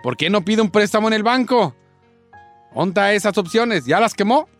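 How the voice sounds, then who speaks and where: An insistent man argues his point as a radio co-host. His voice sits high and moves around a lot in pitch. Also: expressive, moderate pace, fairly bright tone, soft background music. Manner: argumentative, insistent. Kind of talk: radio talk show debate.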